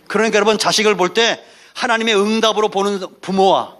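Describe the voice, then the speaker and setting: A man preaching a sermon as pastor in a church, animated, with sudden shouts and frequent asides to the congregation. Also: sits high, quick pace. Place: church sanctuary.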